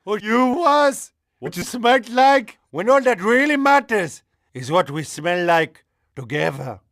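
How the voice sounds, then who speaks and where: An actor voicing a vain, theatrical little lemur king in an animated film, pompous and dramatic. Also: high-pitched, unhurried, no room sound, clean studio sound, full character voice. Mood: sentimental. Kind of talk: animated film character dialogue.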